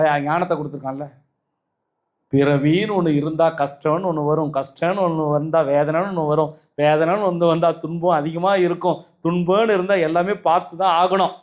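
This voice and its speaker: A man with a Tamil Nadu accent preaches to his followers in a raised, high voice. He hammers points home with repetition and rhetorical questions, calling out to the listeners directly. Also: fairly even intonation, a little fast. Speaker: spiritual speaker. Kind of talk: spiritual talk to followers.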